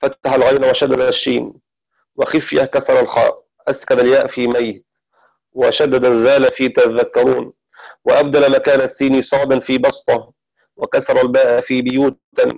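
A man teaching the variant readings of the Quran in a methodical classroom lecture, pausing now and then to correct himself. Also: medium pitch, gravelly, low-quality recording. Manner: steady, explanatory, pauses to correct himself.

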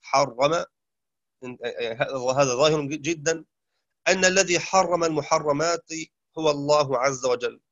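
A man teaching a lesson in a measured, explanatory way, now and then chanting short recited passages. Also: a little high, a bit bright, dry recording. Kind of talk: lecture. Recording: dull, dry lo-fi sound.

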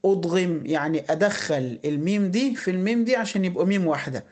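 A man's voice: high voice, lively intonation, darkish tone. A man with an Egyptian Arabic accent teaching Quran recitation rules, explaining patiently and asking rhetorical questions. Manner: explains patiently, asks rhetorical questions, draws out words slowly. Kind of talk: tajweed lesson with slow recitation.

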